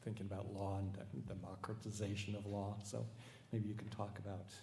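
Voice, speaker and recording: A man moderating a panel, asking questions with halting openings. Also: fairly low pitch, level tone, creaky, dark tone, slight background noise. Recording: echoey room.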